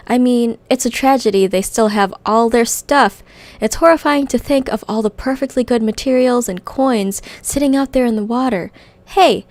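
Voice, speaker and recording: Brash, greedy goblin demolitions man, loud and pushy, read out by a woman in a game playthrough. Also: a little high, no echo, natural voice. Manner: brash, fast-talking, greedy. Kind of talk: reading quest text aloud in character.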